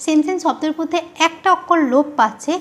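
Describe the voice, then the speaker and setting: উঁচু গলায় শিক্ষিকা, ধীরে ধীরে ব্যাকরণ বোঝাচ্ছেন. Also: female voice, high-pitched. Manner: repeats key terms slowly, asks and answers her own questions. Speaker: teacher. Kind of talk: grammar lesson.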